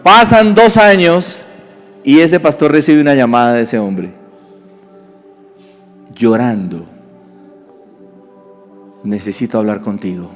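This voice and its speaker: A male pastor preaching a sermon as an animated storyteller who acts out the voices in his story. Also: fairly high pitch, takes it slowly, pauses often. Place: church sanctuary. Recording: reverberant church hall, soft music.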